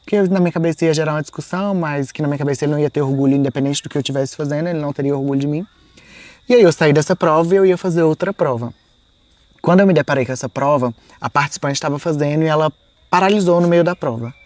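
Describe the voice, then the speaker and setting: A man, a podcast guest, telling an emotional personal story in a soft-spoken way that often trails off, with many small fillers and re-enacted quotes of his own past words. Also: a little high, racing, no echo.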